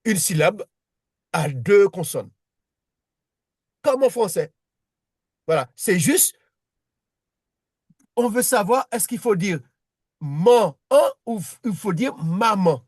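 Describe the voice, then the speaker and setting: A man's voice: sits high, animated, slow, long pauses, darkish tone, breathy edge, no echo, clean studio sound. A man teaching a one-on-one reading lesson, patient and repetitive, often restarting his sentences. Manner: patient, repeats himself, many restarts.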